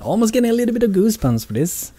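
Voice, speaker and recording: A man's voice: high voice, very animated, very fast, dark tone, soft background music. A man giving casual live gameplay commentary as a streamer, rambling and repeating words for emphasis. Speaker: game streamer.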